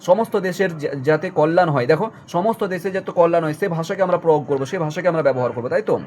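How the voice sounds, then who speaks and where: A man's voice: on the high side, fast talker, darkish tone. A young adult male teacher giving an exam-focused online lesson, explaining a text line by line and checking often that students follow.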